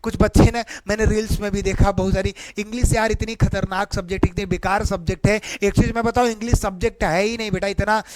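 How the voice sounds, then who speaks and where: A man's voice: high voice, little pitch movement, fast talker, hardly any pauses, no room sound. A male teacher giving an online pronunciation lesson in a sing-song cadence, asking a question and then answering it. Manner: addresses viewers as beta and mere bhai. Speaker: English teacher.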